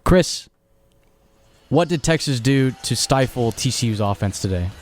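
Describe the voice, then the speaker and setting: A young man runs a postgame show on college radio, filling the gaps between songs with DJ chatter. His mid-range voice is expressive and moves at a measured pace.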